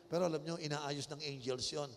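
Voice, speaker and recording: A man's voice: a little high, steady tone, brisk. A man with a Filipino accent preaching a sermon in a large convention hall, mixing Tagalog and English and calling for audience responses. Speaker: bishop preaching. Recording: long-echo auditorium.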